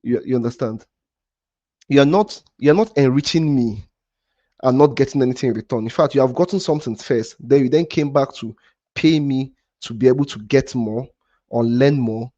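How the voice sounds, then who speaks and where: Brief: male trading streamer, mellow dark tone, dry dull lo-fi sound, rambling and heated. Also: medium pitch, normal speed, no echo. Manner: heated, swearing rant at a viewer; repetitive, restarts often. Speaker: crypto trading livestream host. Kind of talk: live stream talk to chat.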